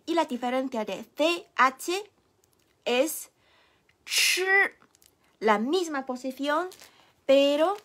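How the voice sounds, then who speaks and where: A young woman whose first language is Chinese, giving a patient, encouraging Mandarin lesson and demonstrating sounds. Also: a little high. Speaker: Mandarin teacher. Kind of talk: live online language lesson.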